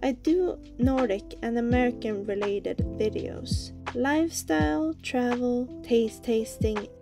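A woman's voice: fairly high pitch, slow, vocal fry. A woman in her thirties giving a plain, informal vlog voice-over. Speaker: vlogger. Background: music.

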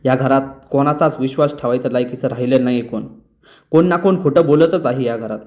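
A man's voice: medium pitch, brisk, a little mellow, natural voice. A man reading the lines of a stern middle-aged father who scolds his family. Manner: scolding, commanding.

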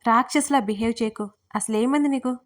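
A woman's voice: fairly high pitch, a little fast, lightly acted. Woman doing an irritable, snapping young husband. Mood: irritated.

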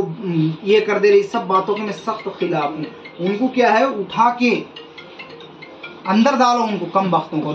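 A man with a high voice preaches as a faith healer, hammering his warnings home through repetition. He sounds set back from the mic in a roomy space. The recording has a dull, muffled tone. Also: recorded from a distance. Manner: emphatic, repeats warnings. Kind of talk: preaching to an audience.

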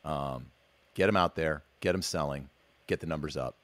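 A man hosting a podcast, chatting casually with a guest, relaxed and sometimes restarting his sentences. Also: rumbling low, moderate pace, dry recording. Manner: relaxed, talks in lists, frequent restarts. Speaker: podcast host. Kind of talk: casual interview conversation.

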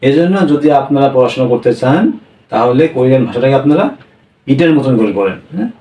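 A man teaching a language class, explaining slowly and repeating each point, often checking with a quick "yes?". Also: medium pitch, expressive, dark tone. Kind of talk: classroom-style lesson. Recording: echoey room, voice from a distance.

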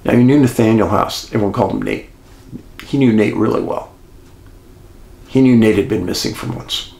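A man hosting and telling a true-crime mystery story in an animated way, speaking straight to his listeners. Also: fairly low pitch, moderate pace, gravelly, roomy sound. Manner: animated, addresses listeners as folks. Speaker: host and storyteller.

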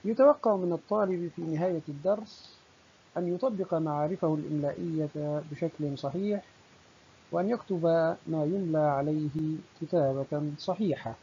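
A primary school teacher giving a recorded lesson, speaking slowly and deliberately and stretching out the example words. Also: mid-range voice, dark tone, a little hiss or hum. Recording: dull lo-fi recording.

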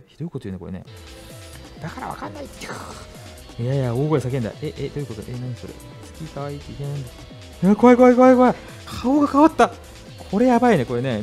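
A young man commentating a horror game, reading the text aloud and reacting with frequent high, loud panicked yelps. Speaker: virtual YouTuber streamer. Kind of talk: game let's play commentary.

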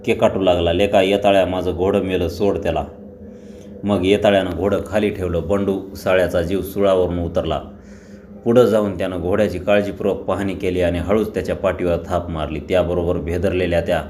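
A man narrating a Marathi short story aloud in a steady, deliberate reading with small restarts. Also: low-pitched, a little hiss or hum.

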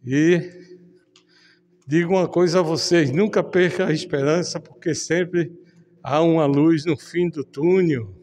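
Brief: male reporter, fairly high voice, chatty, speaking to camera, tunnel echo. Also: a little slow, darkish tone. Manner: chatty, addresses viewers directly. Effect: echo of a concrete tunnel. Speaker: reporter presenting an online channel. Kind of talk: on-location video report. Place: inside a concrete tunnel under a canal.

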